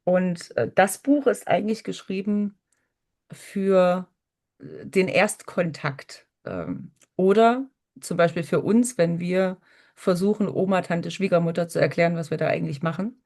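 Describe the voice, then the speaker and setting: A woman's voice: lowish voice, a little slow, darkish tone. A woman co-presenting, giving informal explanations in a presentation.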